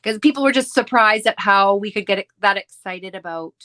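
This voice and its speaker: Chatting casually while crafting on her livestream, a Canadian-accented woman rambles and giggles. She speaks a little fast in a mid-range voice that has a slightly bright tone.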